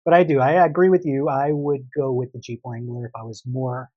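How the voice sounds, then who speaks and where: A man's voice: medium pitch, level tone, fairly quick, dry recording, muffled recording. A man co-hosting a casual podcast chat, talking in an opinionated way and laughing often. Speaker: podcast co-host.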